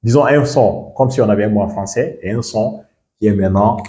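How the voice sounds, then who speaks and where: A man from Guinea teaching an English lesson in a low, deep voice. He repeats each word slowly and keeps checking with his students. The sound rings in an echoey room. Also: mellow. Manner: repeats words slowly and asks "you understand me?". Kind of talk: bilingual language lesson.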